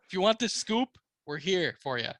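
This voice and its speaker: American guy doing casual podcast chat, frat bro slang n swearing, slightly high voice, dry close sound. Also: big pitch swings, moderate pace, fairly bright tone, no echo. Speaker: car podcast co-host.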